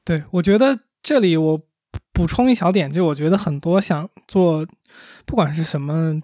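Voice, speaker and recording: A man's voice: a little high, normal speed, darkish tone, no echo, clean studio sound. A man co-hosting a casual conversation, reasoning through points analytically with examples. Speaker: podcast co-host.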